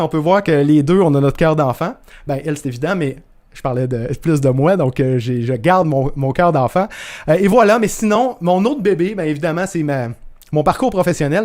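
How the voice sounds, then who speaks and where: A man with a Québécois French accent leads a live online masterclass, his voice sitting a little high for a man. He talks in a loose, chatty way, with plenty of fillers and restarts, and greets viewers by name. The sound comes through a video call. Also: darkish tone. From northern Quebec, Canada. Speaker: masterclass host. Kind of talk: live webinar presentation.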